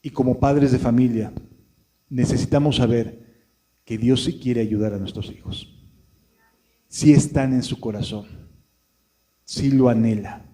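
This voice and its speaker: Preacher guy, warm mellow tone, earnest and pleading, keeps asking the church if they follow. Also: medium pitch, fairly even intonation, a little slow, long pauses, low-quality recording. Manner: earnest, pleading, rhetorical questions to the congregation. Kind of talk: sermon.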